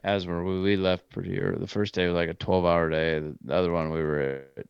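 A man with a very low, gravelly voice rambles casually through a trip story on a podcast, often stopping to correct himself. The sound is dry and a bit dull, like a lo-fi home mic. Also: flat delivery, fast talker, no echo. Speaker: podcast co-host. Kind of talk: casual chat.

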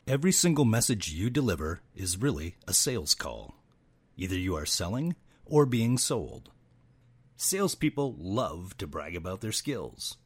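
A man announcing a show intro with scripted, emphatic promotional narration in a sales-pitch style. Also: sing-song, normal speed, husky. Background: loud music bed.

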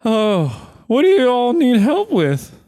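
A man's voice: very high-pitched, huge pitch swings, takes it slowly, mellow, no room sound, studio quality, voice pushed up, exaggerated voice. A man voicing a friendly town drunk, a blacksmith's apprentice, in folksy, rambling drunk talk for a tabletop game. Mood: helpful. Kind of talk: tabletop role-play character.

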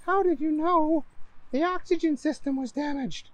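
Male narrator putting on a high-pitched, bossy lady mission boss; shrill and alarmed. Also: moderate pace, low-quality recording. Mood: amazed. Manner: shrill, scolding. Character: panicked woman space official, shrill and bossy.

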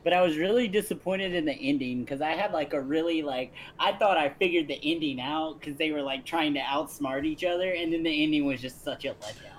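A man's voice: fairly high pitch, low-quality recording. Male podcast co-host, casual, self-deprecating jokester. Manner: joking, self-deprecating, drawn-out storytelling. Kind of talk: casual chat.

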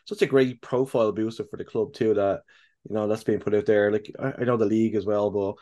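A man co-hosting a podcast, talking casually in halting bursts full of restarts and fillers, with casual swearing. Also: on the low side, steady tone, mellow. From the UK and Ireland. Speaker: podcast co-host. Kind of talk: casual chat.

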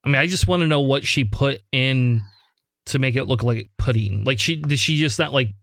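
A man's voice: medium pitch, normal speed, fairly bright tone, no echo. A man hosting a tabletop game podcast in casual chat, joking and swearing now and then, his speech slightly slurred from a numbed sore throat. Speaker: podcast host.

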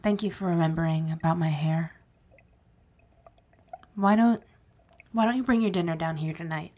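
An actress playing a gentle, affectionate woman who speaks softly and tenderly. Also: on the low side, normal speed, natural voice. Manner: soft, tender.

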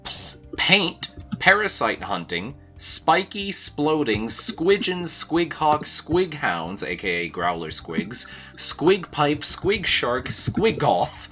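Bright-voiced, cursing podcast guy. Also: on the high side, big pitch swings, slow pace, faint music behind. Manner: loose, swearing, laughing. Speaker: podcast co-host. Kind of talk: casual podcast chat. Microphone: own mic, recorded separately.

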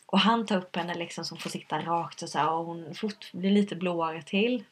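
A woman's voice: lowish voice, a little hiss or hum. A woman telling a personal story in conversation, hesitant and earnest, with many fillers. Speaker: guest.

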